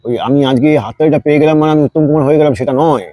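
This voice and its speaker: A man's voice: fairly high pitch, racing, mellow, dry recording. A man answering interview questions like a mentor, explaining patiently and repeating words for emphasis. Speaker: jatra playwright and performer, interview guest. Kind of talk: reflective interview talk, giving advice.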